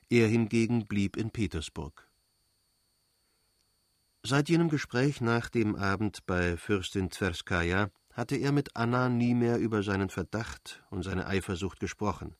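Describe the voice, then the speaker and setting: A man reading a novel aloud as an audiobook narrator, in measured, even storytelling. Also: fairly low pitch, no echo, clean studio sound. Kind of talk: scripted narration.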